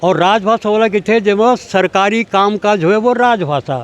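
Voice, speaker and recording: An older man with a Chhattisgarhi accent, speaking in a high, raised voice. He lectures with force and keeps throwing rhetorical questions at his listener. The talk is taken outdoors, with passing vehicles behind him. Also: normal speed. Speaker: language activist. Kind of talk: impassioned interview answers.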